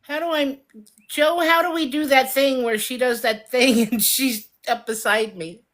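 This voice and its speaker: A woman's voice: sits high, steady tone, a little slow, fairly bright tone. A woman hosting a live stream, chatting casually and teasing her guests with frequent laughter. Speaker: live stream host interviewing fans. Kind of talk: casual chat.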